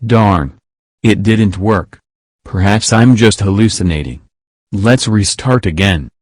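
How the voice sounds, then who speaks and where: A man's voice: on the low side, slow pace, slight background noise. A man voicing a defiant, impatient computer user who mocks a virus in a comedy skit. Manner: mocking, stubborn, theatrical.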